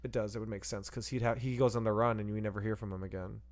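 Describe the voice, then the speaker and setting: A man's voice: on the low side, steady tone, quick pace, a little mellow. A man co-hosting a podcast, chatting casually and profanely about a movie, rambling and laughing as he acts out bits. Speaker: podcast co-host. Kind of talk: casual movie review chat.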